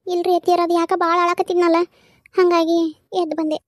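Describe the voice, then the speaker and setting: A woman's voice: extremely high pitch, little pitch movement, brisk, no room sound, clean studio sound. A woman voicing an anxious young mother in a cartoon, pleading in a North Karnataka accent. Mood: worried. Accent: North Karnataka Kannada. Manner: pleading, worried. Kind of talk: cartoon voice acting.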